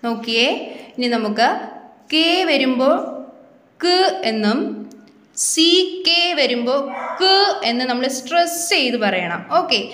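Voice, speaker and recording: A woman, teaching young pupils in a recorded online English class and drilling each word slowly, twice over. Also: on the high side, a bit bright. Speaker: primary school English teacher. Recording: echoey room.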